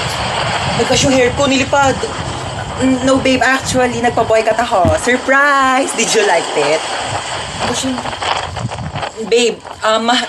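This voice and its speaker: A woman performing comic skits, playful and swinging between soft asides and loud outbursts. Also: high voice, heavy background noise. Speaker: comedy skit creator. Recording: music playing behind. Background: music.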